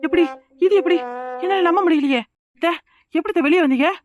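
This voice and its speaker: A woman voicing a frightened young village wife in a cartoon, with a Kanyakumari Tamil accent and a rapid, insistent manner. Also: high voice, a bit bright, dry recording, clean studio sound, faint music behind. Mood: urgent. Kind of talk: cartoon voice acting.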